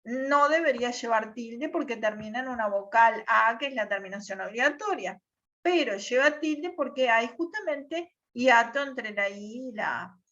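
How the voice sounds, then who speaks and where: A woman's voice: fairly high pitch, lively intonation, normal speed, fairly bright tone. A woman teacher, patiently explaining over a video call and checking with "¿tá?". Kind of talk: online class explanation. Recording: dull lo-fi video call audio.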